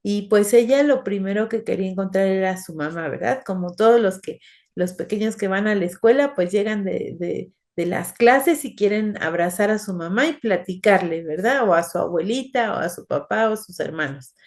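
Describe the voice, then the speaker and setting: A woman's voice: medium pitch, moderate pace, darkish tone. Woman teaching a kids' Bible lesson. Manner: storytelling, often asks children "right?". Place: online class.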